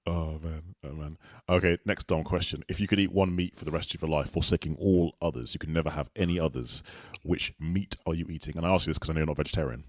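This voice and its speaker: A young man hosting a casual chat, asking quick, jokey, teasing questions. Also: rumbling low, steady tone, no echo, clean studio sound. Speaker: host.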